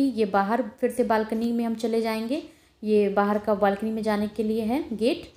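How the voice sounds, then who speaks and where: A young woman with a slightly high voice talks in a relaxed, homely way. She walks through her small home, filming on a handheld phone. Her tone stays casual and conversational throughout. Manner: chatty, homely, walking while filming. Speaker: home vlogger. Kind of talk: casual house tour narration. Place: small rented flat, indoors and on balcony. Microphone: phone camera held while walking.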